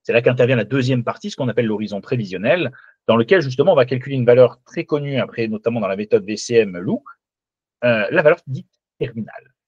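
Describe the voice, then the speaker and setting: Lively male teacher, dull dry mic. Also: medium pitch, fast talker, slightly rough, no room sound. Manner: lively, checks in often with "d'accord?". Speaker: finance teacher. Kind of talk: live online class with screen sharing.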